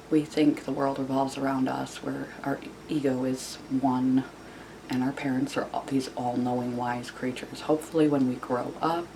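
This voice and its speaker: A woman speaking quietly in a hushed near-whisper, as if someone is asleep nearby, giving casual self-help advice in a halting, repetitive way. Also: rumbling low. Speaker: video channel host. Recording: clearly noisy room recording.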